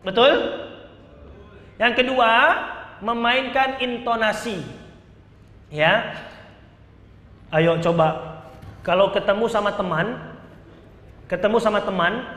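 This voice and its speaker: A high-voiced man gives a seminar on public speaking. He quizzes his listeners and acts out examples. His voice rings through a roomy hall with a long echo. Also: takes it slowly, long pauses, fairly bright tone. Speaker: public speaking trainer and Islamic teacher. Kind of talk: seminar talk to a live audience. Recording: echoey hall with long reverb.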